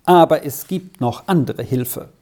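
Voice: medium pitch, measured pace, dark tone, lightly acted. A storyteller voicing a strict middle-aged father who scolds his son curtly. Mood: stern. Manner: stern, curt, scolding.

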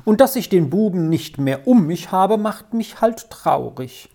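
A woman's voice: mid-range voice, expressive, measured pace. A woman voicing a kind, talkative farm wife and mother in a storybook reading. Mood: kindly. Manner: warm-hearted, chatty.

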